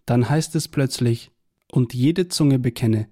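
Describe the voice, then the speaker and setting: A man reading a devotional Bible tract aloud in a measured, earnest way, quoting scripture verses. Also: mid-range voice, mellow.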